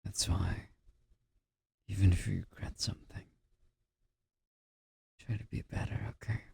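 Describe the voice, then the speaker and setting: Husky low man, whispered boyfriend role-play. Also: steady tone, no echo. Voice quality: husky, gravelly. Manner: soft, breathy, intimate murmur drifting into whisper; slow, gently reassuring boyfriend-style comforting. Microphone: close microphone.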